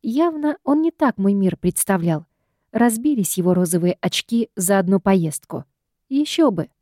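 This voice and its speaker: A woman's voice: medium pitch, animated, normal speed, dark tone, no room sound, studio quality. A woman reading a first-person audiobook in a wry, sardonic storytelling manner. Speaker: audiobook reader.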